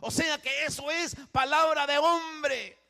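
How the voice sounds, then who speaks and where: A man preaching a sermon as pastor in a church, swinging from hushed, quiet passages to loud emphatic ones and often repeating and restarting his phrases. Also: extremely high pitch, steady tone, takes it slowly, vocal fry.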